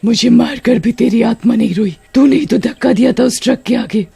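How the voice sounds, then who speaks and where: A woman voicing a vengeful yet loving female ghost in an animated storybook, low and menacing with soft laughs. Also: brisk, gravelly, slightly rough, exaggerated voice. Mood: stern.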